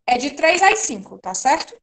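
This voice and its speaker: A woman's voice: sits high, sing-song, normal speed, a bit bright. A woman with a Brazilian Portuguese accent teaching an online class, reassuring and often asking "tá certo?".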